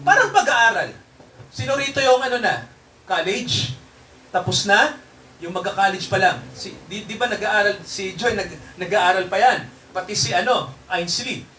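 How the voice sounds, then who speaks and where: A pastor preaches to his congregation in Taglish, a mix of Tagalog and English, constantly checking in with tag questions. His high voice is animated, pushed and bright at a moderate pace. It's recorded from a distance in a roomy space with slight background noise.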